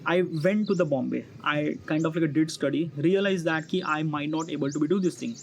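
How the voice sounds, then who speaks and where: Birdsong and general noise surround this recording of an Indian-accented man, early thirties, whose voice sits on the high side. As a vlogger, he talks to his audience off the cuff about personal matters, stumbling, repeating himself and leaning on fillers.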